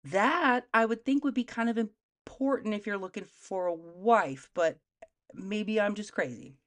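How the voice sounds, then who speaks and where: A woman retelling a fairy tale as sarcastic comedy, casual and slangy, with quick asides. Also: mid-range voice, fairly bright tone. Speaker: comedic storyteller.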